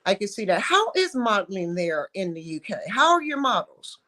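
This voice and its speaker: A woman's voice: medium pitch, big pitch swings, moderate pace, pushed and bright. Gushing woman host, late fifties. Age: 50s. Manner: effusive, gushing with praise. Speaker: interviewer host. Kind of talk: casual interview.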